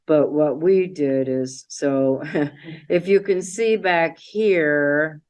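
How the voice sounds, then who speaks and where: Low-voiced chatty woman presenting slides. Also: very slow, darkish tone. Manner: chatty, meandering, with many fillers. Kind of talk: casual slideshow talk. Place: library meeting room.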